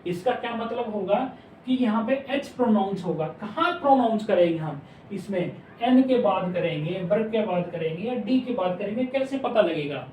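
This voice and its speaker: Male shorthand teacher, patient and repetitive, mellow tone, recorded at a distance from the mic. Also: sits high, lively intonation, slight background noise. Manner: repeats each word slowly, asks questions back to the class. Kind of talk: explaining step by step. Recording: echoey room, mic some way off.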